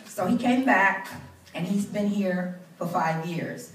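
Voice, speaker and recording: An older woman gives a church testimony into a handheld mic, unhurried and a little low, climbing now and then into fervent bursts. Her voice carries from a distance through an echoing sanctuary, with a faint hiss underneath. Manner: earnest, building to fervent bursts. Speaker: church minister. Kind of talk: testimony speech. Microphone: handheld mic, far camera. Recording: roomy church sound from far off.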